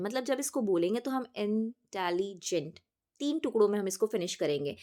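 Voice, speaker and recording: A woman teacher at an everyday pitch, working through an exam paper for her students. She reads each question out slowly and clearly, then poses a question and answers it herself, step by step. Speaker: English teacher. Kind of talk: exam paper walkthrough lesson.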